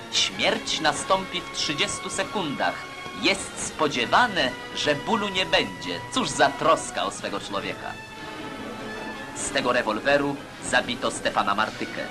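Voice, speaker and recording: A man delivers old newsreel narration with firm, declamatory emphus, pitched at an ordinary middle range for a man. His emphatic lines carry the tone of propaganda, and a loud music score plays clearly behind him.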